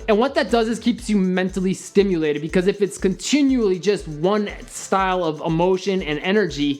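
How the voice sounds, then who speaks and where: A young man hosting a casual video on growing a channel, talking straight to camera and swinging between upbeat and deliberately flat delivery. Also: sits high. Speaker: YouTube marketing host. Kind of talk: casual to-camera advice talk.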